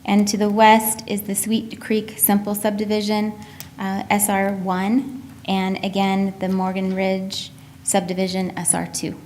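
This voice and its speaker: A woman presents a formal staff report in a meeting room. Her mid-range voice stays very even as she reads. There is faint noise in the background. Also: medium pitch, unhurried.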